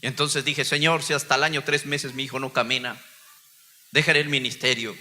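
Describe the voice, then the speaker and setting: A man's voice: medium pitch, fairly even intonation, brisk, bright, forceful tone, in a large hall. A man, a pastor, giving an impassioned sermon testimony, his voice swelling and dropping.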